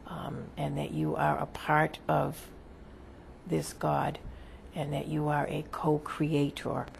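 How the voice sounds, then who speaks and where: This is a seance medium speaking as a channeled spirit. The voice crackles heavily with fry and moves very slowly, with little rise or fall. The phrasing is solemn, halting and formal, over faint background noise. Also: mid-range voice, completely flat delivery. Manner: halting, deliberate, formal phrasing with long pauses.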